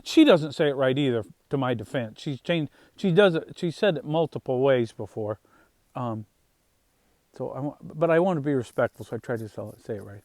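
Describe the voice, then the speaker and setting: A man talking casually to his viewers about the harvest and farm life, in an unhurried, halting way with plenty of fillers and restarts. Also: mid-range voice, expressive, a little mellow, no echo. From Northwest Indiana, USA. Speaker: farm vlogger. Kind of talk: casual rambling monologue.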